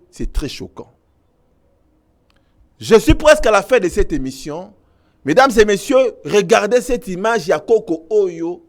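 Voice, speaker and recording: A man from Congo with a Congolese French accent, delivering impassioned political commentary to viewers and switching between French and Lingala. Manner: emphatic, mixes French and Lingala, swings from loud outbursts to low intensity. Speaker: online news commentator.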